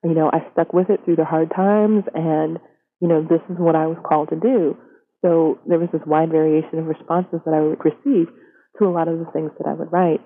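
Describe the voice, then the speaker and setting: A young woman, a science career columnist, speaks candidly and reflectively as an interview guest, often saying "you know." Her voice is electronically disguised and pitched down, fairly quick with fairly even intonation. She's recorded through a telephone, so the sound is narrow and band-limited.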